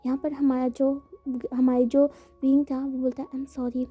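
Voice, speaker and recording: A woman's voice: sits high, level tone, normal speed, dull audio, soft background music. A woman casually retelling a story, chatty and full of fillers, mixing in English words.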